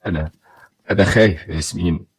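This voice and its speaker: Bitter egyptian dad, low husky voice, talks super fast, accusing. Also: male voice. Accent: Egyptian Arabic. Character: bitter, fearful father, resentful of his wife. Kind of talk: old film drama acting.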